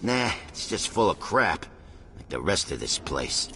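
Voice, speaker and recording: An actor voicing a sneering, grumbling street thug henchman in a video game, with a rough, goading manner. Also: low-pitched, sing-song, unhurried, pushed and bright, slight background noise, heavily acted.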